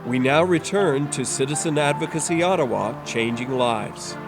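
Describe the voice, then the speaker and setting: A man hosting and narrating a community documentary in a measured, steady way. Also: medium pitch, music in the background. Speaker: host and narrator.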